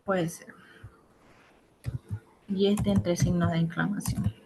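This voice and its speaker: A woman's voice: lowish voice, level tone, takes it slowly, gravelly, darkish tone, a little hiss or hum, rough recording. A woman teaching assistant giving an online grammar lesson, explaining step by step and checking in with her students.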